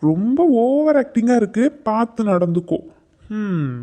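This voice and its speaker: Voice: mid-range voice, sing-song, unhurried, heavy background noise. A voice actor playing a sullen, sarcastic young man who snaps at his grandmother in a cartoon comedy. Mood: sulky.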